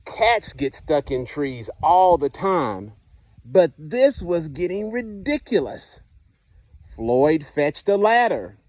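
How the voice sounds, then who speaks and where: A man's voice: on the high side, very animated, slow, darkish tone, no echo. A man, a school principal, reading a children's picture book aloud expressively, with asides to the listeners.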